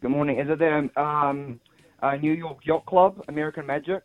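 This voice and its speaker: A man's voice: fairly high pitch, steady tone, normal speed. Male quiz caller on a tinny phone line. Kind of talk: casual, hesitant answering.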